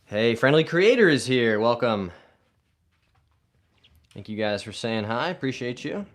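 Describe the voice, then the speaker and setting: A man's voice: mid-range voice, sing-song, a little slow. A man hosting a golf live stream, casually reading viewer comments aloud and answering them in an upbeat way.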